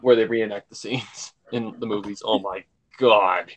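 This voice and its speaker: A man appears as a guest on a livestream, chatting casually in a rambling, emphatic way and returning to the same points again and again. His voice is lowish, his intonation fairly even, and he takes his time.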